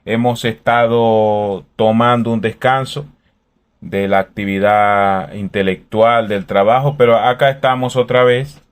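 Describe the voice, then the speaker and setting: A man from Venezuela, hosting a calm, thoughtful faith talk in a conversational way. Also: lowish voice, unhurried, smooth.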